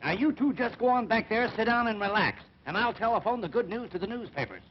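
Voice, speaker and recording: An actor playing a brash, boastful comic schemer in the grandiose manner of an early talkie film comedy. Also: male voice, sits high, lively intonation, fast. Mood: cocky scheming. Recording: dull, noisy 1930 film soundtrack.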